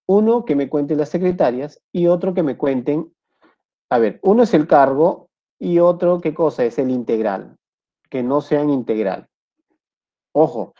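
A man with a Peruvian Spanish accent teaching a recorded Excel lesson, often repeating points and checking in with "correcto". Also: a little high. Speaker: Excel instructor. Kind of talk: screen-recorded software tutorial. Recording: dull lo-fi mic.

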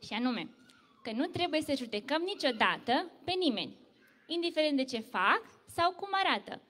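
A woman telling a story to children at church, lively and full of questions for the kids. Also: high voice, big-room sound. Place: church hall.

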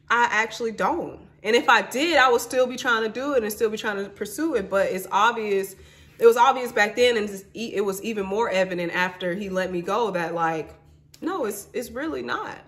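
A woman's voice: medium pitch, fairly bright tone. A woman in her twenties from Mississippi, telling her own story in a candid, emotional vlog and talking straight to her viewers. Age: 20s. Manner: candid and emotional, says y'all and honey. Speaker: vlogger.

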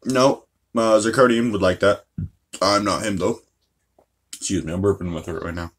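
A man with a somewhat low voice talks loosely through his game session, cursing freely and griping about his luck. It is relaxed commentary with a faint hiss in the background. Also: moderate pace. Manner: chatty, swears freely, ranting. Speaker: mobile game player. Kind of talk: casual gameplay commentary.

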